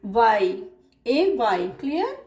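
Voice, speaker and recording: A high-pitched woman gives a slow, patient phonics lesson. She stretches out her example words and keeps asking whether her students have understood. Her voice sounds a little echoey, as if recorded in a bare room. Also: very animated, a little mellow. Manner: patient, drawn-out examples, frequent check-ins like "clear?". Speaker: English phonics teacher.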